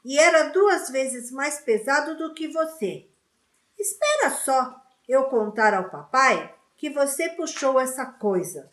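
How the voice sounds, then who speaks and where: A teenage bully taunts his cousin in a mocking, wailing falsetto, as a woman reader puts him on. The voice swoops high and wide in an echoey room. It suits a storybook reading. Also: sing-song, slow, a bit bright, full character voice. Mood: taunting.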